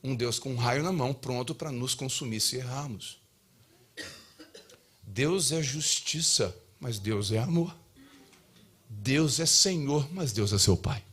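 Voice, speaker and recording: A man's voice: medium pitch, slow pace, pauses often, fairly bright tone, husky. A man preaching a sermon as pastor, emphatic and humorous. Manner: humorous, acts out dialogues. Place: church.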